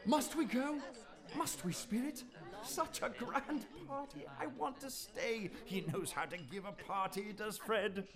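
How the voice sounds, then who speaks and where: An actor playing the old miser Scrooge in a radio play, exclaiming and wondering aloud. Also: male voice, measured pace, crowd noise. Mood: wistful. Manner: exclaiming, voice leaping high.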